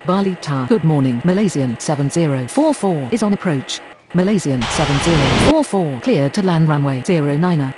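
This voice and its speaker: A man's voice: fairly high pitch, expressive, a little fast, natural voice. A man speaking as an airline pilot in clipped cockpit headset radio phraseology. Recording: clearly noisy, vehicle-like background.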